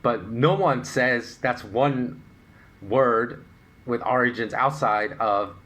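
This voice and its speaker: A middle-aged man hosting a solo podcast, explaining his views in an animated, opinionated way with rhetorical questions. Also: medium pitch, takes it slowly. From United States. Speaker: podcast host.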